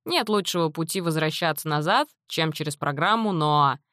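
A woman's voice: low-pitched, moderate pace, dry recording, clean studio sound. A woman voicing a cheeky, talkative teenage boy who teases and explains things at length, in a storybook reading. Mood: chatty. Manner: chatty, teasing, lively explaining.

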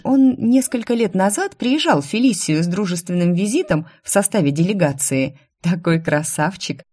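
A woman's voice: on the low side, mellow. A woman voicing a playful, teasing young woman, the older sister in a storybook.

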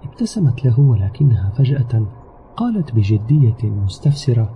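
A man narrating an audio novel in a steady, measured storytelling manner. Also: mid-range voice, a little hiss or hum. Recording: slightly dull recording with background music. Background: soft music.

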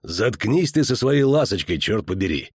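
A man voicing a stern, impatient witcher in a low, gruff voice in an audiobook. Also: very animated, normal speed, no echo, clean studio sound, exaggerated voice.

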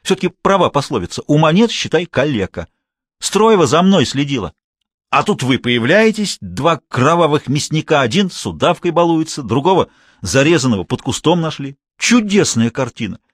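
A man's voice: fairly high pitch, sing-song, normal speed, husky, dry recording, studio quality, pitched above the performer's own voice. A man voicing an irritable, scheming male crime boss who scolds and lectures his underling. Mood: scornful. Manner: scornful, bossy, lecturing.

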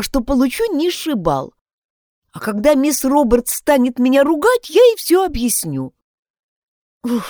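A woman's voice: sits high, a little mellow, dry recording, studio quality, voice pushed up. A woman doing a flustered guilty schoolgirl. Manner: anxious, pleading.

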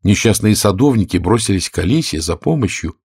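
A man's voice: lowish voice, brisk, breathy edge, no room sound, clean studio sound. A man reading a fairy tale as an audiobook narrator, telling it expressively. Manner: expressive, lively storytelling. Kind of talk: scripted storybook narration.

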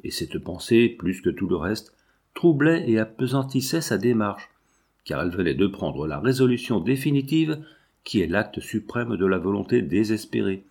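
A man with a low voice reads a classic novel aloud. His narration is measured and solemn. He gives the long literary sentences room. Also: darkish tone, breathy edge. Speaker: audiobook reader.

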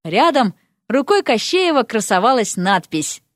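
A woman's voice: fairly high pitch, very animated, unhurried, dry recording, studio quality. Woman narrating an ironic fairy tale. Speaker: audiobook narrator. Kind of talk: scripted storybook narration.

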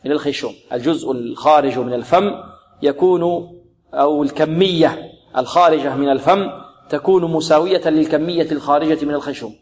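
A man teaching Quran recitation rules, patiently drilling each sound slowly and answering his own questions. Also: fairly high pitch, darkish tone, big-room sound. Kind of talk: tajweed lesson with recited examples.

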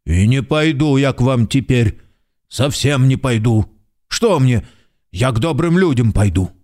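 Tipsy evasive servant, radio drama, male actor; mid-pitched, slow repetitive drawl. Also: animated, a little mellow, close to an everyday voice. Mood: defiant. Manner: slow, droning drawl with repeated "he says". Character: stubborn, tipsy manservant, sly and evasive.

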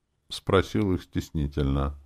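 A man reading a first-person fantasy audiobook in an expressive way, performing the dialogue. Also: very deep voice, a little slow. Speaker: audiobook narrator.

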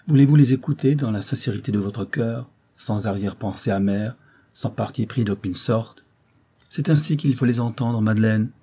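A man voicing an earnest young man in love, speaking in a grave, calm and measured way in an audiobook reading. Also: lowish voice.

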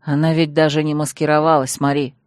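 A woman voicing a sly, mocking young man with a hoarse voice in an audiobook. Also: low-pitched, level tone, darkish tone, dry recording, studio quality, close to an everyday voice. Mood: wry, calm. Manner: mocking, unhurried.

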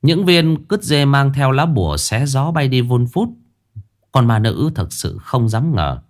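A man narrating a ghost story in a dramatic, lively way. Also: medium pitch.

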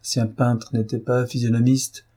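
A man's voice: mid-range voice, flat delivery, moderate pace, dark tone, breathy edge, natural voice. A man reading aloud and voicing a self-assured young marquis in light, teasing banter.

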